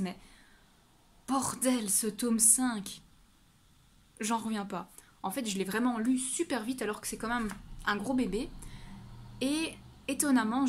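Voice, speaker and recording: A woman giving a casual monthly reading update as a book vlogger. She gushes about what she read and talks off the cuff, often restarting and correcting herself. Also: mid-range voice. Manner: gushing and exclamatory about books.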